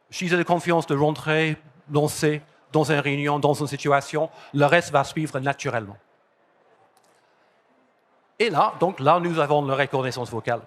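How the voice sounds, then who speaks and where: A man with an English accent and a somewhat raised pitch gives a lively conference talk. He is from London, and the language is not his first. He drives home key phrases by repeating them. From London, England. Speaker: conference speaker. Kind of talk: conference presentation. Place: conference hall.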